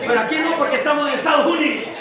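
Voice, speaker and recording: A fervent male pastor with a very high voice, preaching a lively sermon full of shouted lines and jokes. He sounds distant, swallowed by a very echoey church hall. A congregation is clearly heard around him. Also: rapid-fire, over a noisy crowd.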